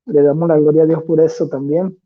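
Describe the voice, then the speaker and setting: Venezuelan man, debater, devout, blessing-filled greeting, slightly high voice, tinny phone-like audio. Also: fairly even intonation, fairly quick. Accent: Venezuelan Spanish. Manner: warm, devout, with frequent blessings.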